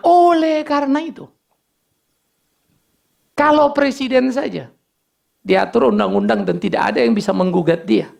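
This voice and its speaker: Gravelly, lively-voiced male pastor preaching. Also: sits high. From Indonesia. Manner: lively preaching, mixes in casual asides and acted dialogue. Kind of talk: sermon.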